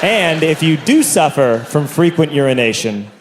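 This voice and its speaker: A man telling a stand-up comedy story in an animated, theatrical way, moving between loud bursts and low asides. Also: normal speed, a little hiss or hum.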